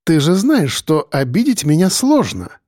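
Мужчина озвучивает хладнокровную насмешливую женщину-убийцу, говорящую спокойно и ледяным тоном. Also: female voice, low voice, measured pace, husky, dry recording, clean studio sound, exaggerated voice. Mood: mocking. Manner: calm, icy, mocking. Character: cold, mocking female killer.

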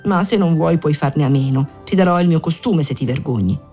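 A woman reading the lines of a breezy young man who leads his friend to a hidden beach, in a calm, plain voice. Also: low-pitched, a little fast, soft background music, close to an everyday voice. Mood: easygoing.

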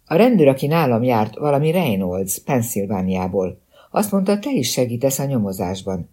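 A man's voice: mid-range voice, big pitch swings, dark tone, slightly rough. A man voicing an anxious, evasive middle-aged mother. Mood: guarded.

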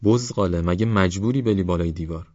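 A proud, short-tempered village schoolteacher lectures fervently about his people, voiced by a man reading an audiobook. The voice sits low and the sound is dry and slightly dull. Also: mellow, no echo. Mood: irritated.

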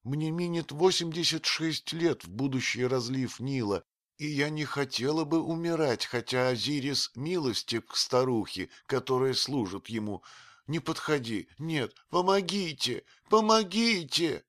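A man reading an audiobook, voicing a very old grieving female servant who wails and scolds in a strained high voice. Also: lively intonation, takes it slowly, a bit bright, no echo, studio quality. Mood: terrified. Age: older.

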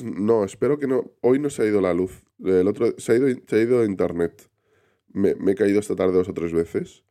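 A man hosting a casual live stream, unwell, rambling and greeting viewers by name. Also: warm tone. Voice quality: deep voice. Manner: rambling, reads viewer names aloud, many restarts. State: unwell, recovering from illness. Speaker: livestream host reading chat.

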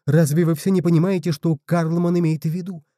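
An anxious, fretting little folk woman, voiced by a man reading aloud. Her lines rise above his usual pitch and tumble out in breathless exclamations, with a very mellow, dark timbre and a dry, close sound. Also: fairly even intonation, fairly quick, dry recording, lightly acted.

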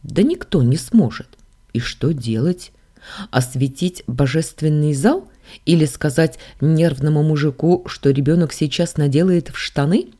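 A woman narrating a fantasy audiobook in the first person, with a wry, expressive telling. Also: low-pitched, a little slow.

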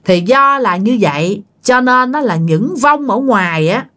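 A woman's voice: on the high side, lively intonation, a little slow, fairly bright tone. A woman, casually telling a ghost story and talking directly to her listeners. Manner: chatty, addresses listeners directly.

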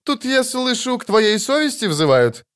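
A man's voice: on the high side, wildly swooping pitch, fairly quick, voice pushed up. A man voicing a leering, mocking young male bandit in an audiobook. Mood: sneering. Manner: sneering, taunting.

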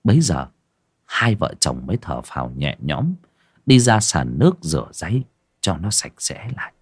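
A man narrating a horror audiobook in a dramatic, expressive reading. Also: extremely low pitch, normal speed, breathy edge. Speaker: storyteller.

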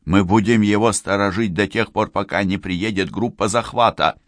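A man's voice: lowish voice, steady tone, moderate pace, dry recording, clean studio sound, close to an everyday voice. A man voicing a tough young female police officer, tense and commanding.

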